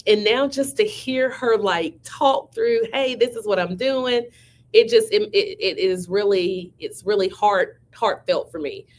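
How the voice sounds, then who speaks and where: A woman's voice: mid-range voice, measured pace. A woman, a county manager who is under the weather, giving effusive casual praise to her team. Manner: warm, effusive praise with frequent "y'all".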